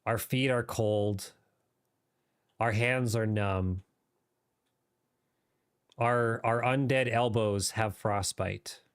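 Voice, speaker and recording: A man's voice: fairly low pitch, fairly even intonation, drawn-out words, pauses often, smooth. A man voicing a weary undead soldier in a fantasy game role-play, solemn and theatrical. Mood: grim, determined. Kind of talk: mini role-play gaming voice.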